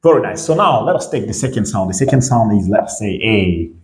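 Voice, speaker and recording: A man from Guinea teaching a lesson, repeating each word slowly and often asking whether the listener understands. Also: fairly low pitch, lively intonation, roomy sound. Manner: repeats words slowly, checks understanding with questions. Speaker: English teacher. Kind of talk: bilingual classroom lesson.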